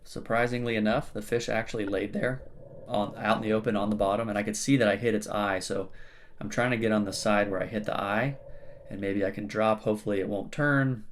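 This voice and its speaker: Low-voiced man narrating his dive footage. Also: steady tone, fairly quick, slight background noise. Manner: plain-spoken, matter-of-fact, explains as he goes. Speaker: spearfishing channel host.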